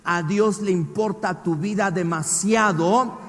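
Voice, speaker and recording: High-voiced Mexican pastor preaching dramatically. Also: male voice, slow, in a large hall, a little hiss or hum. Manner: dramatic, swings from quiet to shouting, rhetorical questions. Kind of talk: sermon. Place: church.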